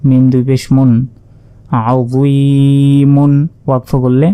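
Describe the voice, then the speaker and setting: A man teaching Quran reading, spelling out Arabic syllables patiently and chanting each word slowly. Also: mid-range voice, fairly even intonation, warm tone, no room sound. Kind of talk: spelling out Arabic letter by letter, slow recitation lesson.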